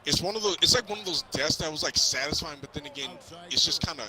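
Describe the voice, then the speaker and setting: This clip has a young man co-hosting a casual movie review chat, slangy and full of spoilers, stammering as his stories ramble on. He sounds a little high, animated and fast, recorded poorly with a crowd nearby.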